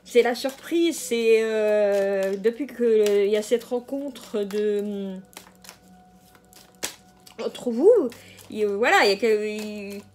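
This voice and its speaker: Woman, tarot card reader, slow pace, hesitant, lots of fillers, casual reading. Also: mid-range voice, darkish tone, slight background noise. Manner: hesitant, many fillers and restarts, laughs at own jokes.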